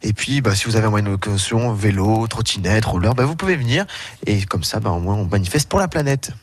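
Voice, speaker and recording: A man reporting for the radio, asking his guest easygoing questions in a loose, chatty way full of fillers. His voice has a slightly husky grain. The sound is dry and close, with no room around it. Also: lowish voice, expressive, fast talker, dry recording. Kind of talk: casual radio interview.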